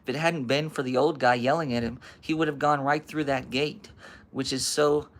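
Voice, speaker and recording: Brief: emphatic swearing teen boy, a bit gravelly, a man reading him out. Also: mid-range voice, steady tone, moderate pace, lightly acted. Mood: agitated. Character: excitable teen boy telling a scary tale.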